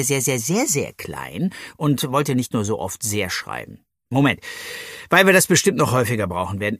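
A man's voice: mid-range voice, a bit bright, no echo, clean studio sound. A man narrating a children's story in the first person, playful and chatty, talking straight to the listener. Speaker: audiobook narrator.

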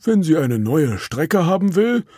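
A man doing a big, good-natured lug who sounds earnest and a little simple. He talks a bit higher than a plain reading voice and with lively swings, husky and dry. A storybook reading. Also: a little slow, no echo, heavily acted. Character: big clumsy good-natured male wrecker.

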